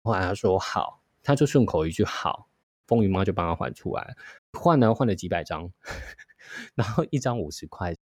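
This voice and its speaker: A man with a Taiwanese Mandarin accent, hosting a podcast and telling a workplace story in a lively way, acting out what people said. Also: low-pitched, moderate pace, no echo, studio quality. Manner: animated storytelling, acts out quoted dialogue. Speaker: podcast host. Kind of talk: storytelling chat.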